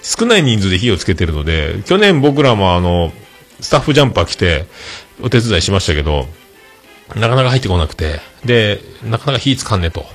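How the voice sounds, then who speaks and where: A man with a who hosts a podcast, telling a story casually and acting out the dialogue with lively energy. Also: fairly low pitch, fairly quick, faint music behind. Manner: animated, acts out quoted dialogue. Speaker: podcast host.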